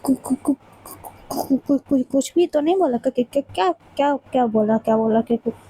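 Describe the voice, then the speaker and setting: A woman's voice: very high-pitched, moderate pace, darkish tone, no room sound. A woman voicing a stammering timid young woman. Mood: frightened. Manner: heavy stammer, repeats syllables. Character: timid stuttering young woman, nervous and deferential.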